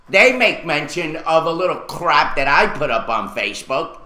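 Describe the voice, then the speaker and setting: A man's voice: fairly high pitch, pushed and bright, reverberant, poor audio. A man hosting a radio talk show, ranting angrily and swearing at local officials. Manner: furious, profane, ranting. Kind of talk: angry on-air rant.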